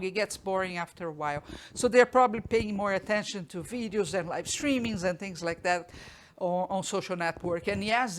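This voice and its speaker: A woman's voice: mid-range voice, slight background noise. A woman hosting a live online art business course, talking through ideas with frequent restarts and fillers, recorded at home on a desk mic.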